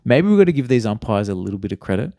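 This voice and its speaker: A young Australian man co-hosting a casual podcast chat, talking in an animated, rambling way with lots of bro and mate. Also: fairly low pitch, rapid-fire, no echo, clean studio sound. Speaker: podcast co-host.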